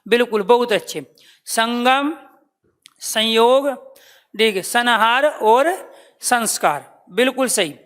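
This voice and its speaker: Brief: high-pitched woman, language teacher running a live online class, quizzing and repeating terms, addresses students as dear children. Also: slow, long pauses, fairly bright tone. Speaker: Hindi teacher.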